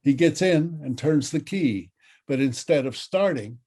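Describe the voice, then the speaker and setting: A man's voice: on the high side, animated, measured pace, warm tone, breathy edge. A man narrating the stage directions of a script reading in a dry, matter-of-fact way.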